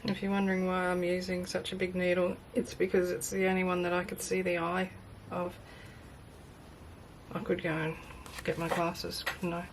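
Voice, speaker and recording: Middle-aged woman, lower-pitched, informal craft demo narration; tinny, tin-can camera-mic sound with noticeable background noise. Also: completely flat delivery, normal speed. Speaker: craft video maker. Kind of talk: casual craft demonstration, thinking aloud. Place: indoors at a craft table. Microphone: built-in camera microphone, overhead at a distance.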